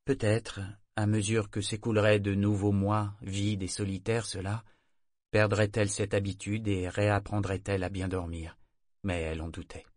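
Man, audiobook narrator, low voice, dry close recording, measured delivery. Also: flat delivery, darkish tone, dry recording. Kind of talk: scripted novel narration.

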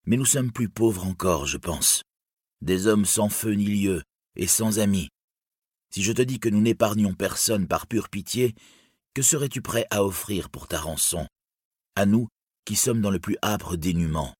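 A man's voice: lowish voice, measured pace, slightly rough, no room sound, clean studio sound. A man voicing a young male outlaw captain who speaks in a grave, commanding way. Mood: bitter.

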